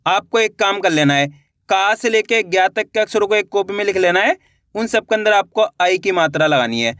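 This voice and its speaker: High-voiced man slowly teaching Hindi reading. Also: lively intonation, fairly bright tone, dry recording, studio quality. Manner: drawn-out, careful letter-by-letter pronunciation; addresses viewers as friends, encouraging. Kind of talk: slow syllable-by-syllable reading lesson.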